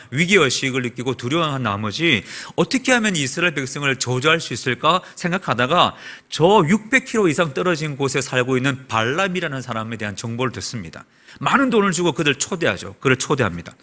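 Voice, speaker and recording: Korean pastor preaching with lively pitch. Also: male voice. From South Korea. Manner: preaching with rhetorical questions and lively swings in pitch and volume. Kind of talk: sermon. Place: church sanctuary.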